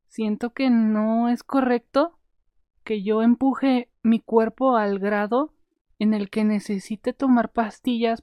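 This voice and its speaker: A young Mexican woman talks straight to her viewers in a casual advice vlog, candid and chatty, now and then playing out her own inner voice. Her tone is dark and mellow, and the recording is close and dry with no room sound. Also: on the high side, no echo. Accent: Mexican Spanish. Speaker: vlogger. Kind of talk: casual advice talk to camera.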